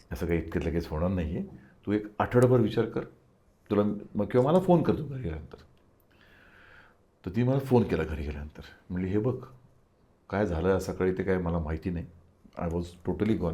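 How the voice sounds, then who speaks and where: A man's voice: deep voice, dark tone. An older man, an interview guest, telling a personal story and acting out the dialogue of the people in it.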